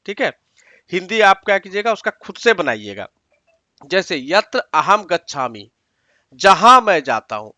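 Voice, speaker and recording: A man's voice: sits high, sharp tone, dry recording, lo-fi sound. A man teaching a Sanskrit exam-prep lesson, patiently repeating each word and its meaning step by step and giving learners direct instructions.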